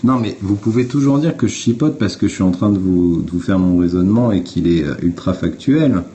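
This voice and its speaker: Brisk and expressive, this man has a low, mellow voice and hosts a casual explanatory livestream from his phone. He talks straight to his viewers in a blunt, informal style, cursing as he walks them through each step, with a bit of background noise.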